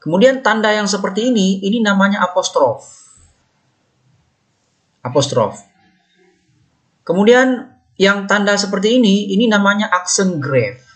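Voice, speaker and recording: A man teaching a recorded lesson, patiently explaining and repeating each term slowly while pointing at marks on a slide. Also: sits high, expressive. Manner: patient, explanatory, with many fillers.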